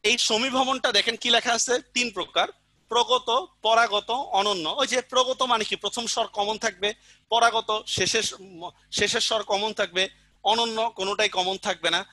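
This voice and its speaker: Here the male teacher has a high, steady voice at a moderate pace, bright and forceful, recorded with no room sound. In his online grammar lesson he patiently restates examples and often asks whether everyone has got it.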